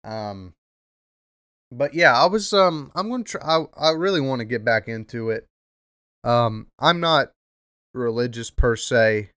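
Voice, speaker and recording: A man's voice: medium pitch, lively intonation, a little slow, pauses often, a bit bright, clear, resonant tone, no echo, clean studio sound. A young man hosting a podcast, talking casually in a rambling, profane way with lots of "um" fillers. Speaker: podcast host. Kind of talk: casual monologue.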